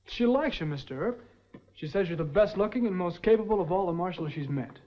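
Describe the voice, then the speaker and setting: A man's voice: high voice, expressive, brisk. An eager young would-be lawman. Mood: earnest. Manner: earnest and respectful. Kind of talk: 1950s TV western acting. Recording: dull lo-fi old TV sound with faint hiss.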